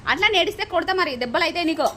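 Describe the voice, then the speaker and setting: A young mother with a very high voice talks to her toddler at home, coaxing and scolding him in short, repeated commands. Her words come in quick bursts of instructions to eat, look and stop crying. A faint hiss of household noise sits behind her. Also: lively intonation, sharp tone. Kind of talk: casual home vlog. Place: family home.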